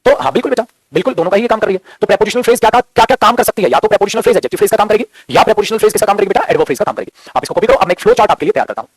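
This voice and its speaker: Male grammar teacher, high husky voice, rapid-fire classroom delivery, fatherly and scolding. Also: expressive, no echo. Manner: scolding, fatherly, keeps calling students "beta".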